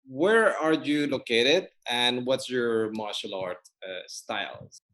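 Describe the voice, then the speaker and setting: A man hosting an interview, asking questions in a relaxed, halting way over a video call. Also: mid-range voice. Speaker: interviewer, host.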